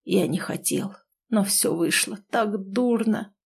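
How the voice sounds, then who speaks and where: A woman voicing a ruined older nobleman who speaks in slow, hushed, despairing tones. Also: mid-range voice, gravelly, slightly rough, heavily acted.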